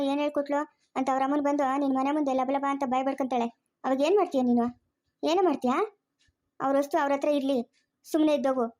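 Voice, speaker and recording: A woman's voice: high-pitched, a little mellow, natural voice. Woman playing a scolding village grandmother. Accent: rural Chikkaballapur Kannada. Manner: scolding, rapid and raised. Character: sharp-tongued scolding grandmother, mother figure. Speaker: grandmother character. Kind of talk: family drama acting.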